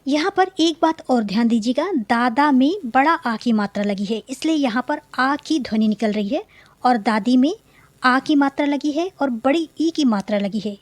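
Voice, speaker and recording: A woman's voice: sits high, no room sound. A woman teacher patiently explaining a primary-school textbook lesson step by step.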